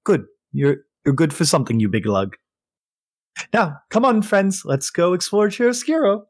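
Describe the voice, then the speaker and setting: A man's voice: mid-range voice, animated, a little mellow, husky, no echo, clean studio sound. Man playing a flamboyant, florid desert clan leader, swooping. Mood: breezy, commanding. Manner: florid, effusive, drawn-out politeness.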